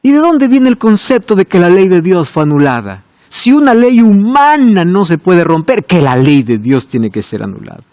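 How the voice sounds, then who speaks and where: A man preaching a sermon, asking rhetorical questions and swinging from loud emphasis to hushed low words. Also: big pitch swings, normal speed, few pauses, no echo.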